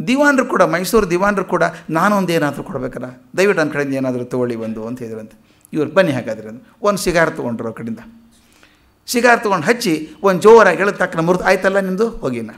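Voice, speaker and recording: A man's voice: a little high, fast talker. A man with a Kannada accent giving a public lecture, telling stories and acting out the quoted speech of the people in them. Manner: animated storyteller, acts out quoted speech. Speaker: public speaker. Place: lecture hall.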